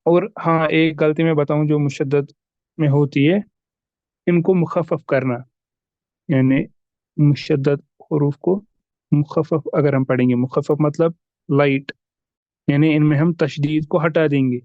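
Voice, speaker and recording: A man's voice: on the high side, steady tone, measured pace, pauses often, no room sound, dull audio. A man teaching tajweed in a recorded lesson, patiently repeating examples and asking and answering his own questions. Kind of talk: recorded lesson explaining rules.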